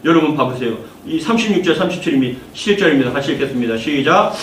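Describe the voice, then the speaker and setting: A man's voice: fairly high pitch, expressive, rapid-fire. A male pastor preaching a fervent sermon, repeating key phrases and leading the congregation through scripture readings. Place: church sanctuary. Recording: echoey church hall, distant mic, faint noise.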